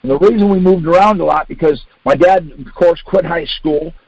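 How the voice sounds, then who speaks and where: Speaking at a moderate pace in a somewhat high, slightly mellow voice, this older American man runs a conference call. His teaching is casual but pushy, full of rhetorical questions and role-played exchanges. The phone-line audio is dull and lo-fi, with no echo.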